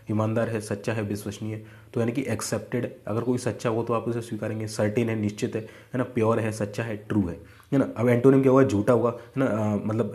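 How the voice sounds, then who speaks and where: A young man teaches exam vocabulary in an easy, chatty way. His voice sits low and mellow, and he keeps asking his students whether they follow. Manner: conversational, repeats 'है ना' and 'ठीक है'. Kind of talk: casual Hindi lesson.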